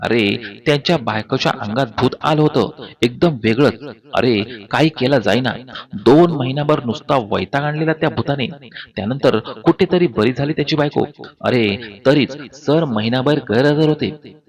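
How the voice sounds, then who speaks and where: A man's voice: medium pitch, normal speed, lightly acted. A man voicing a cheeky teenage schoolboy. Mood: scheming. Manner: cheeky, coaxing, slangy. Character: bold mischievous teenage schoolboy.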